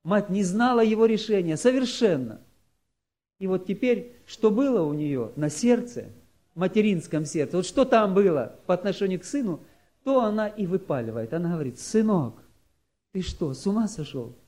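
A man preaching, telling a church testimony in a measured, narrative way. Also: high voice, lively intonation, a little mellow. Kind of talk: sermon testimony storytelling.

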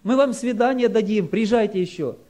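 A man's voice: sits high, fairly quick, warm tone, natural voice. A man voicing an army officer who coaxes a mother to talk her son round. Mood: coaxing. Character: brisk, persuasive male army officer.

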